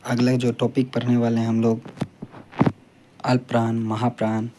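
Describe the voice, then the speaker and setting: Over a noisy background, a male teacher with a mid-range voice and normal speed gives students a grammar lesson. His explanations are steady and plain, with key points repeated and "ठीक है" used frequently.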